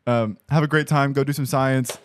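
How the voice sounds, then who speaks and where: A man hosting a podcast in casual chat, chummy and quick with laughter. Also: medium pitch, steady tone. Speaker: podcast host.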